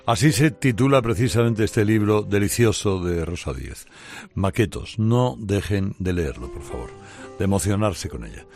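A man's voice: lowish voice, animated, normal speed, a little mellow, soft background music. A man interviewing a guest on the radio, asking questions courteously and playfully.

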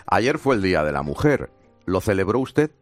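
Radio host guy, lowish voice that swings around a lot, polite and playful. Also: very animated, normal speed, no echo, faint music behind. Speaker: radio interviewer. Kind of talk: radio interview questions.

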